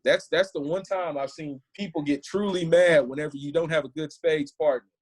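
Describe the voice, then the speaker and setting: A man's voice: fairly high pitch, fairly even intonation, normal speed, slightly rough. A man who is a head football coach, a podcast guest telling stories in an easygoing, casual way. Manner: easygoing storyteller. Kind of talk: casual interview chat.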